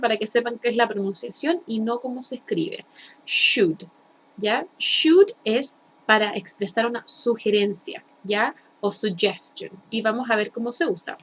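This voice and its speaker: A woman with a Chilean Spanish accent teaching English in a recorded lesson, explaining slowly and having students repeat words. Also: fairly high pitch, a bit bright, slight background noise.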